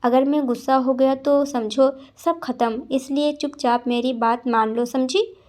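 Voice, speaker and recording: A woman voicing a calm, domineering young male mafia boss who speaks softly but gives orders. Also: high-pitched, unhurried. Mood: coaxing. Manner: soft-spoken, commanding.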